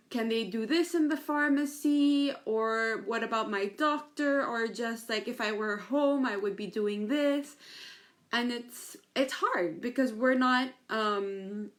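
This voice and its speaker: A woman from the Philippines, in her thirties, talks casually to her viewers on a live stream. Her voice sits a little high, and she keeps checking in with "right?" and "um" between thoughts. She speaks into a webcam or phone in her apartment. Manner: chatty, frequent "um" and "right?" check-ins. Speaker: parenting coach. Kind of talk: casual Facebook Live talk. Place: apartment at home.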